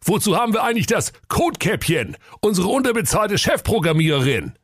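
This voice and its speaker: A man's voice: medium pitch, very animated, slightly rough, no room sound, clean studio sound, pitched above the performer's own voice. A man voicing a bossy, hot-tempered fairy-tale brother who barks and scolds. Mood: irritated, bossy. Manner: bossy, shouting, quick to anger. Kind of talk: comic radio fairy-tale acting.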